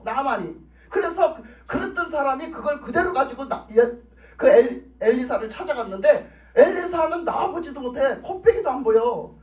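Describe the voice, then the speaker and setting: A male pastor preaches a revival sermon with emphatic repetition in a very high, lively voice. The church sound is echoey and dull, picked up from a distance. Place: church sanctuary.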